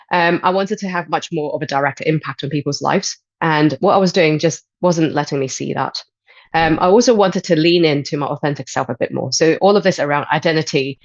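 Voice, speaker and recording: A woman's voice: sits low, creaky, dry recording. Thoughtful woman guest, dull dry sound. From Hong Kong. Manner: thoughtful, measured, frequent "um". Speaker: guest, life and transition coach. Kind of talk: podcast interview.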